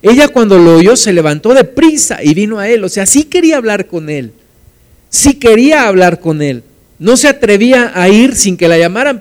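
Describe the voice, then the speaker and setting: A man preaching a sermon, retelling scripture slowly and deliberately, dropping to soft quiet stresses. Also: sits high, smooth. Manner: storytelling retelling of scripture with acted quotes.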